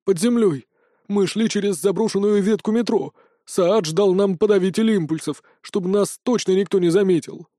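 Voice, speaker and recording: A man's voice: high-pitched, normal speed, warm tone, no room sound, studio quality, natural voice. A man voicing a frightened male villain, a lord of beetles, who pleads and begs in an audiobook. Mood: cowed. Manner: pleading, panicky. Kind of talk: audiobook character voice.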